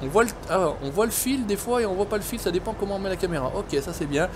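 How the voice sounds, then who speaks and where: A man hosting a casual farming-game let's-play, joking, excitable and swearing often. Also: sits high, fast talker, noisy background. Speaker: gaming channel host.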